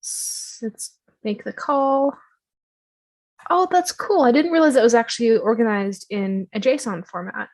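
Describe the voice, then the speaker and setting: Chatty woman presenting a software tutorial. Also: on the high side, moderate pace. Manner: chatty, self-deprecating, lots of fillers. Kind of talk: casual screen-share tutorial.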